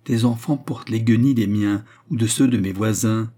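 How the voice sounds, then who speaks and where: A man's voice: lowish voice, moderate pace, close to an everyday voice. A man voicing a domineering older man who berates and threatens his brother, in a storybook reading. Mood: menacing. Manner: threatening, forceful.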